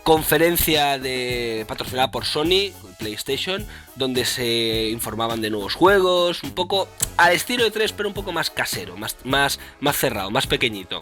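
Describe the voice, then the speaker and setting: A man with an accent from Spain and a hoarse, rough whiskey voice, hosting a casual video game podcast. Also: medium pitch, expressive, normal speed, pushed and bright, soft background music. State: hoarse after holiday partying and drinking. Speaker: podcast host.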